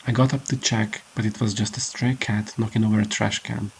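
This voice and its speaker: A man reading a scripted horror story in the first person, with measured storytelling delivery. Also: on the low side, little pitch movement, gravelly, slight background noise, rough recording. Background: prominent music under the voice.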